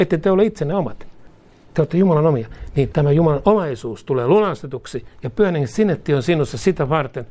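A man preaching a sermon, mixing casual speech into the preaching and rising louder and higher on emphatic points. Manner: mixes colloquial speech into preaching, chuckles between points; rises in pitch and volume on emphatic lines.

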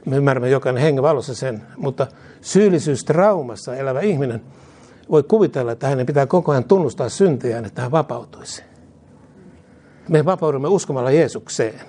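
A man's voice: medium pitch, expressive, dark tone, slightly rough. A male preacher giving an earnest sermon and leading prayer line by line for the congregation to repeat. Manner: earnest, leads prayer phrase by phrase. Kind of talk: sermon with call-and-response prayer.

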